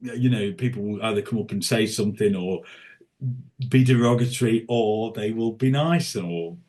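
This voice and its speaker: His voice is fairly low and a little mellow, at a moderate pace. He's a tribute singer guesting on a podcast, rambling through a casual interview with lots of fillers and restarts.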